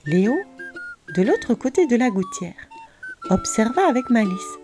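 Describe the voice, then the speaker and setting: A woman narrating a children's storybook in an expressive, lively manner. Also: fairly high pitch, measured pace, over music.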